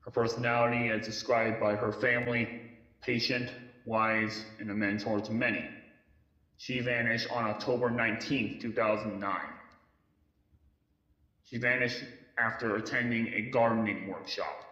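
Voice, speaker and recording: A man with a lowish, bright, forceful voice and steady tone presents a police case file. It's scripted narration on a mock briefing tape from an analog horror story, read haltingly with occasional stumbles. The sound is muffled lo-fi tape with a roomy echo.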